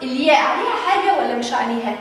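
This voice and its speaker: A woman with an Egyptian Arabic accent teaching young children phonics, sounding out syllables slowly and asking questions she answers herself. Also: high voice, expressive, very echoey, in a large hall, recorded from a distance, poor audio. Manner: asks the class questions and answers them herself. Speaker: early-years teacher.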